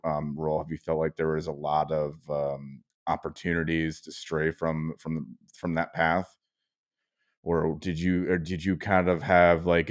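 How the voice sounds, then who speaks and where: A man interviewing in a casual chat, supportive, with halting and tentative phrasing. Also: low voice, smooth.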